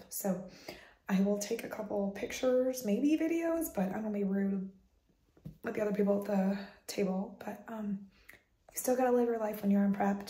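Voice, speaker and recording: A woman vlogging at home in a casual, rambling way, hoarse and coughing from bronchitis. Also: mid-range voice, dark tone. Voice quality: husky, lost voice. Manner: chatty, rambling with fillers. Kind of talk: casual vlog chat.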